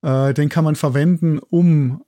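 This German university zoologist, a guest with a German accent, talks through explanations with hesitant wording and repeated tag questions. His fairly high, dark voice is steady and a little slow, captured at studio quality without echo.

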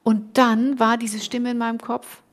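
A woman's voice: fairly high pitch, little pitch movement, unhurried. A middle-aged woman, a podcast guest, earnestly telling a personal story in casual conversation, emotional and full of restarts.

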